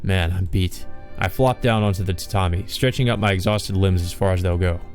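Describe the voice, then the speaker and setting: A man's voice: sits low, fairly quick, faint music behind. A man reading a visual novel aloud as a let's play host, with informal, rambling commentary. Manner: informal, sweary, rambling asides.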